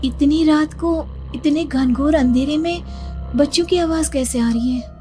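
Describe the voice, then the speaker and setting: A woman voicing an anxious young pregnant daughter in an animated horror story. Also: sits high, measured pace, soft background music, pitched above the performer's own voice. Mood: uneasy, questioning.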